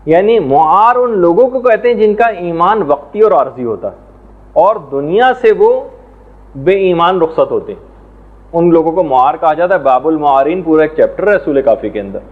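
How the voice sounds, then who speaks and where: A man teaching a religious lesson in a measured, explanatory way, now and then reciting Arabic prayers and verses. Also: fairly high pitch, expressive. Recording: tinny phone-like sound.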